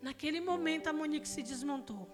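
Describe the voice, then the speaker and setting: A middle-aged woman with a Brazilian accent, preaching a testimony sermon in church with emotional storytelling that moves from loud to hushed. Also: sits high, quick pace, music in the background.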